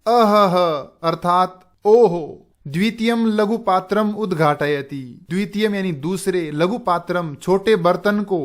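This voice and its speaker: A man with a fairly high voice takes a Sanskrit text slowly, word by word. He reads each word, then stops to explain what it means, in an unhurried, measured way. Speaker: Sanskrit teacher. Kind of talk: line-by-line textbook explanation.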